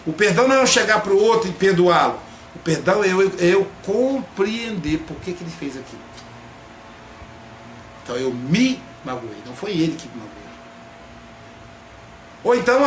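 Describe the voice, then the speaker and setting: A man, a psychoanalyst, giving a reflective spoken talk and drawing out key words slowly for emphasis. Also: high-pitched. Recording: echoey room, faint background noise.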